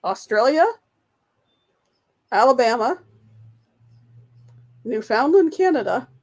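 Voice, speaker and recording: Woman host, slightly high voice, unhurried, casual livestream trivia reader. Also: very animated. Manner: reads questions aloud, greets and answers chat viewers, laughs at herself. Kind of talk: casual live-chat trivia quiz.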